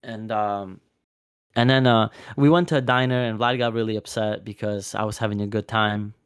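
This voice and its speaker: A man's voice: lowish voice, fairly even intonation, moderate pace, clear, resonant tone, dry recording, clean studio sound. Casual swearing young man, podcast chat. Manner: rambling storyteller, swears freely, many fillers. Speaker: podcast co-host.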